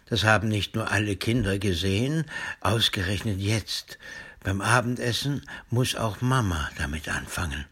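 A man narrating a children's storybook in a clear, measured storytelling manner. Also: on the low side, sharp tone. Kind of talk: storybook reading.

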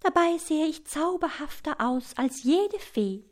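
A woman's voice: high voice, expressive, a little slow, voice pushed up. A woman voicing a vain, showy butterfly in a storybook reading, in a lifted, airy voice. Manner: airy and self-admiring.

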